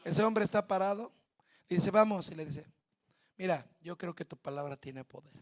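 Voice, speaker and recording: A male pastor with a Mexican Spanish accent preaching a sermon, speaking straight to the congregation and building to shouted peaks. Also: sits high, moderate pace. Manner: preaching with shouted climaxes and direct address to the congregation.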